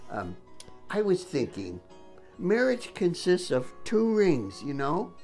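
A man's voice: a little high, huge pitch swings, slow pace, darkish tone, soft background music. Older man chatting as he cooks. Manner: chatty, enthusiastic, chuckling. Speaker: cooking video host. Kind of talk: casual cooking demonstration. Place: home kitchen indoors.

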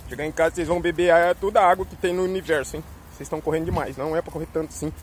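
A man walking his dogs outdoors on a street keeps up a chatty, coaxing patter with them in a Brazilian Portuguese accent. His fairly high voice holds a steady tone at a racing pace, and there's a slight hiss or hum.

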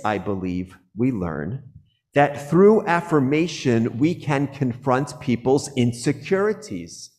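A man, a rabbi, giving a sermon with a measured, earnest delivery and slow, emphatic phrases. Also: fairly high pitch, darkish tone, long reverb tail. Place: synagogue sanctuary.

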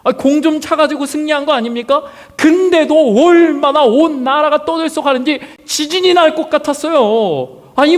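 A male pastor preaching a sermon, telling the story and asking the congregation many rhetorical questions. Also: very high voice. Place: church sanctuary. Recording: long reverb of a church hall.

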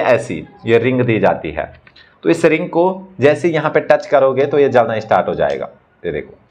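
Guy doing a quick casual magic prop demo, mid-pitched voice, talks each trick through. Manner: brisk, talking props through each trick. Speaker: magician selling magic props. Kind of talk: casual product demonstration.

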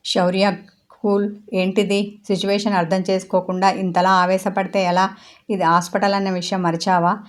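A woman voicing a gentle young woman who pleads with an angry man to calm down in a storybook reading. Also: mid-range voice, normal speed, lightly acted. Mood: pleading. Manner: pleading, calming.

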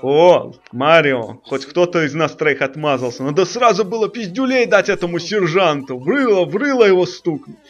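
Guy doing a whiny lazy plumber, grumbly n pleading, highish swingy voice, comedy dub w music. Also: animated, normal speed, few pauses, a bit bright, highs cut off. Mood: grumbling. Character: whining, slacking male plumber dodging army service. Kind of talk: comic parody dub.

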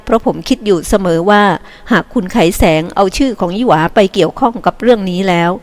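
A woman voicing a remorseful young man who speaks quietly and sorrowfully. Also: medium pitch, fast talker, soft background music, natural voice.

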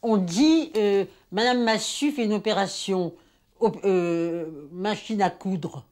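An older woman being interviewed, recounting old memories in a lively storytelling manner with frequent hesitations. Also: mid-range voice, slow. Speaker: interviewee recalling war reporting. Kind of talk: spoken reminiscence.

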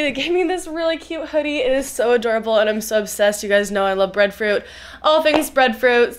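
Woman, young adult, nasal cold voice, chatty with fillers, slightly high pitch. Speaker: skincare reviewer, biochemist YouTuber. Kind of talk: casual explanatory video review.

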